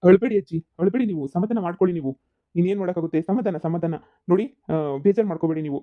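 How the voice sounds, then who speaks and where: A man's voice: high-pitched, racing, narrow, tinny audio, lightly acted. A man voicing a soothing cartoon police officer. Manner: soothing, reassuring, matter-of-fact. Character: patient, sympathetic police officer, adult man. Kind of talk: cartoon comedy voice acting.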